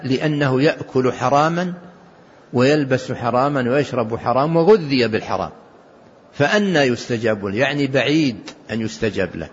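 Slow, measured older man teaching. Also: mid-range voice, breathy edge. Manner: slow, measured, deliberate explanation with repetitions. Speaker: Islamic scholar teaching hadith. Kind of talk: religious lesson, hadith commentary. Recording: dull lo-fi recording.

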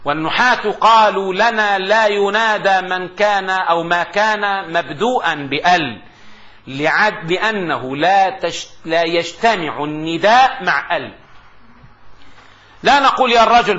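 A man giving a classroom lecture on grammar. He asks the class rhetorical questions and slowly recites his examples. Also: high-pitched, pushed and bright. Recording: dull lo-fi lecture recording.

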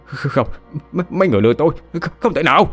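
A man acts out a panicked, cowardly man in an audio story, stammering and pleading in a raised, swooping voice. His words tumble out fast. Faint music plays underneath. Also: on the high side, animated, breathy edge, voice pushed up. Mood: disbelieving.

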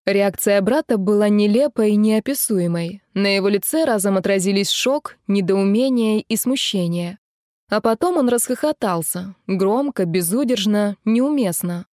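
A woman narrating a first-person novel as an audiobook, in a lively storytelling manner on a close mic. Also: medium pitch, moderate pace, no echo.

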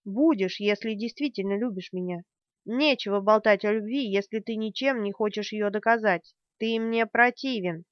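A woman's voice: medium pitch, moderate pace, no room sound, muffled recording, lightly acted. A woman voicing a harsh, commanding young woman. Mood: harsh, shouting. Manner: forceful, shouting. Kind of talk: audiobook character reading.

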